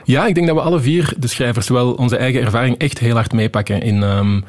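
A TV screenwriter in his thirties, Flemish-accented, talks casually in a radio interview, hesitating often and thinking aloud with frequent "ehm" fillers. He speaks briskly in a medium-pitched, slightly mellow voice.

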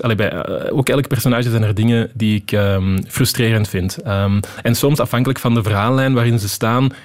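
Guesting on a radio interview, a man in his thirties who writes for TV gives casual, hesitant answers in a Flemish accent, thinking out loud and filling pauses with lots of "ehm." His voice is on the low side, with a darkish tone.

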